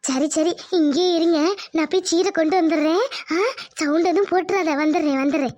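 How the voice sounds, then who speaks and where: A woman's voice: very high voice, steady tone, a little fast, darkish tone, dry recording. A woman voicing an anxious, tender village mother in a cartoon. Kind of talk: cartoon voice acting.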